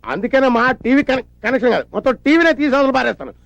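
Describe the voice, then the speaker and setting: An actor playing a hot-tempered, bossy police inspector who barks threats in a film comedy. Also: male voice, extremely high pitch, big pitch swings, rapid-fire, gravelly, dry recording, heavily acted. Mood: exasperated. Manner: shouting threats, exasperated. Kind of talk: Telugu film comedy acting. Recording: dull film soundtrack with faint music.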